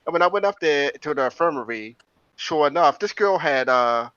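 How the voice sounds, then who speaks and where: Bright fast-stammering guy telling a scary story, dry dull recording. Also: a little high, smooth, dry recording. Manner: animated, stammering restarts. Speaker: paranormal investigator. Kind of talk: casual storytelling. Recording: dull dry close sound.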